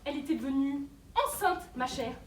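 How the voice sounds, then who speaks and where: An actress playing a self-righteous, merciless religious spinster in a stage play, declaiming hammily. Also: female voice, high voice, expressive, moderate pace. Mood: cold, sanctimonious. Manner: hammy, declamatory stage delivery. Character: pious, self-righteous, merciless spinster preaching sin and punishment. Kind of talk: theatrical stage play acting. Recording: echoey hall from far off, faint noise.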